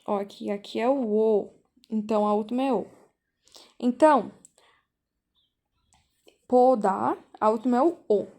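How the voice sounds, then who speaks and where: Slow, patient woman teaching an online class. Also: a little high, dark tone. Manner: slow, patient, repeats points and checks with "ok?". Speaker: volunteer teacher. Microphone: video call.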